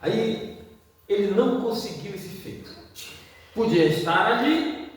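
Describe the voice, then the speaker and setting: High-voiced preacher in an echoey hall. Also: male voice, animated, slow pace. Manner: asks the congregation questions again and again. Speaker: evangelist preacher. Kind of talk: sermon. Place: church hall. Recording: echoey hall, distant mic, faint noise.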